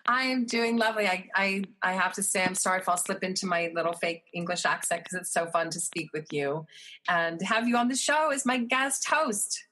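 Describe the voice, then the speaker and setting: A woman's voice: lowish voice, normal speed, sharp tone, rough recording. A woman hosting a talk radio show, chatting effusively with her guest and using filler words.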